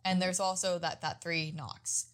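Relaxed lower-voiced woman telling a story. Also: a little slow, clean tone. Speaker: podcast co-host presenting the research. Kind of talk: casual conversational storytelling.

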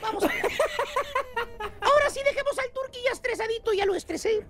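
A man's voice: very high-pitched, animated, fairly quick, a bit bright. A man hosting a radio comedy show, teasing his co-hosts and telling mocking stories full of slang. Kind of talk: comic radio banter.

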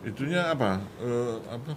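Very low-voiced woman interviewer. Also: expressive, moderate pace, a little hiss or hum. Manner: curious, asks short prompting questions. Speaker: host. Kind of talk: casual podcast interview.

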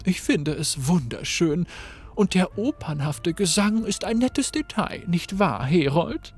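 A man's voice: sits high, lively intonation, a little slow, soft background music. A man reading the lines of a mocking villainous sorceress in a game story. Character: scornful villainous sorceress woman.

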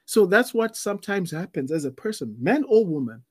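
High-voiced man explaining with analogies. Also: big pitch swings, brisk, slightly rough, dry recording, clean studio sound. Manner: explains with analogies, stutters on restarts. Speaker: podcast co-host giving dating advice. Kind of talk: casual conversational podcast.

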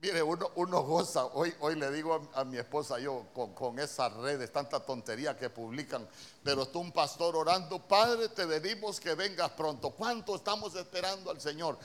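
A man with a Honduran accent preaching a sermon in a church, swinging between hushed words and sudden shouted lines, full of rhetorical questions. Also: a little high, moderate pace. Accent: Honduran Spanish.

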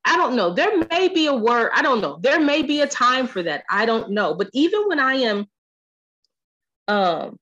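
Animated woman podcast host, lo-fi sound. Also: high-pitched, normal speed. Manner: animated, playful, quotes friends in lively voices. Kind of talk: casual conversational chat.

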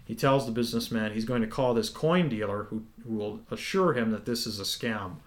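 A man's voice: fairly low pitch, brisk. Easygoing man recapping a TV episode. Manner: relaxed, many ums, explains at length. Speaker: podcast co-host. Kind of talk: casual recap discussion.

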